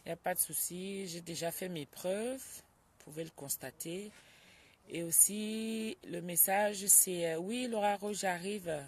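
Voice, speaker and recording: A woman's voice: fairly low pitch, unhurried, slight background noise. Chatty woman live-streaming from home. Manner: chatty, greets viewers by name, scolds a crying child aside. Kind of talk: casual live-stream chat.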